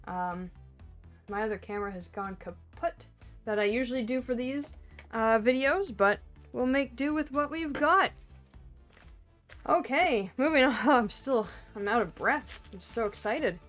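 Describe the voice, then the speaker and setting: A woman's voice: high-pitched, unhurried, long pauses, fairly bright tone, faint music behind. A woman vlogging an unboxing off camera, gushing, laughing often and trailing off mid-sentence, recorded on a camera mic at home. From Canada. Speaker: card collecting vlogger.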